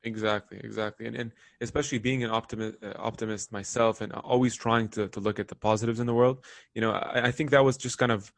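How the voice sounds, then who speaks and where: A man's voice: fairly low pitch, fairly even intonation, gravelly, no echo. A young man from Lebanon hosting a podcast interview, talking casually and friendly. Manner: quick, casual, friendly, repeats words. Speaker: podcast host.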